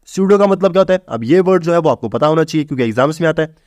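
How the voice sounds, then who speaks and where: A man's voice: a little high, expressive, racing, darkish tone, dry recording, clean studio sound. A man teaching English vocabulary for exams in a casual way, asking questions and answering them himself. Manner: explains step by step, asks and answers own questions; informal, addresses students as bhai. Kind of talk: exam-prep vocabulary lesson.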